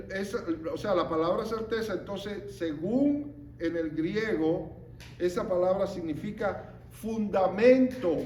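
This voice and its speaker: A man with a fairly high voice teaches a Bible lesson at an unhurried pace. He explains each point slowly and keeps checking in with his listeners through rhetorical questions. The room gives his voice a noticeable echo. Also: a little mellow, slight background noise.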